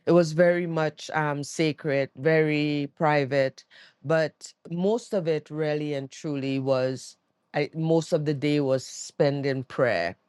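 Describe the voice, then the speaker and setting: Tired, slow-talking woman on her bed. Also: sits low, darkish tone, smooth, no echo, studio quality. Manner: slow, searching, pauses often with um. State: worn out, voice tired. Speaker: vlogger. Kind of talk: reflective personal talk. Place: at home, sitting on her bed.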